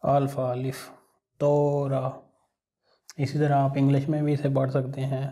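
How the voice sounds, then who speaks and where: A man with a Pakistani Urdu accent walks through an alphabet lesson at an unhurried pace. His voice is dark and mellow and stays almost perfectly level, and he patiently repeats each sound. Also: medium pitch. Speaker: language teacher.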